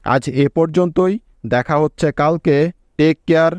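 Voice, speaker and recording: A man's voice: on the high side, normal speed, darkish tone, clean tone, no echo. A man with a Bangladeshi accent giving a patient, step-by-step spelling lesson that breaks words into letters and syllables and quizzes the viewers. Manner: addresses viewers directly, quizzing them. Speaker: English teacher.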